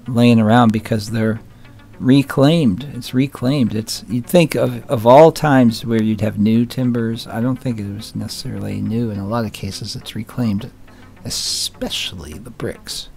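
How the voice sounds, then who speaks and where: A man's voice: on the low side, creaky, warm tone. A man hosting his own channel, giving casual commentary on old photos with wry, joking asides. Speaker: channel host.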